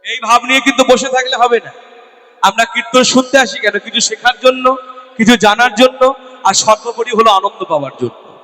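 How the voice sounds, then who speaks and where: A man's voice: very high-pitched, moderate pace, sharp tone, long reverb tail, faint music behind. A man preaching at a devotional gathering as a kirtan singer, asking the listeners questions and answering them himself. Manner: asks the audience rhetorical questions and answers them; addresses the women listeners directly. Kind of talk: devotional sermon with call-and-response chanting. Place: devotional gathering before a live audience.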